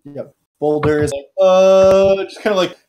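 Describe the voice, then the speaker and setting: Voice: medium pitch, unhurried, dark tone. A game master improvising narration and rulings casually for a tabletop role-playing game.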